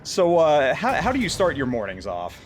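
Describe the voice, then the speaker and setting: A man's voice: fairly high pitch, wildly swooping pitch, moderate pace, background noise. A man from the United States hosting a casual interview, upbeat, laughing often and stammering a little. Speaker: interviewer, YouTuber.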